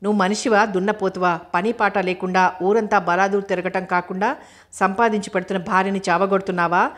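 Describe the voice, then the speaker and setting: An outspoken young woman teacher, scolding and indignant, read by a woman in a level, flat voice. She speaks her mind plainly. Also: mid-range voice, a little fast, natural voice.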